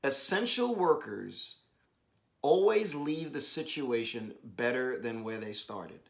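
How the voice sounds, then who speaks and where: A man giving a devotional talk with his wife, exhorting and emphatic, rising to bursts of excitement, speaking over a video call. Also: mid-range voice, slow pace, vocal fry. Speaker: husband co-hosting a devotional. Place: home, joining an online meeting.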